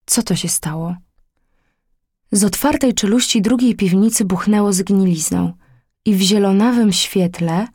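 A woman narrates an old tale as an audiobook, measured and dramatic. Her voice has a husky, breathy grain. The recording is close and dry. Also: medium pitch, darkish tone, dry recording.

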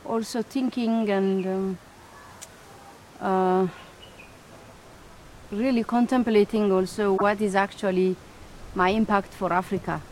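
Woman scientist from Ethiopia, halting. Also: medium pitch, fairly even intonation, a little mellow, a little hiss or hum. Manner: hesitant, many fillers and restarts. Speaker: interviewee; scientist and institute director. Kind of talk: interview answers.

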